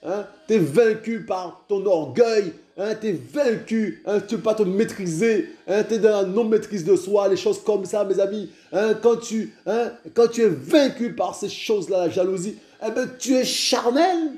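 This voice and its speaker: A man preaches with pressing urgency, repeating his refrains over and over. His voice sits a little high but sounds mellow. The recording is roomy and echoey, with soft music in the background. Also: measured pace, hardly any pauses. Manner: repeats "mes amis" and "hein" constantly, urgent exhortation. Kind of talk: informal sermon.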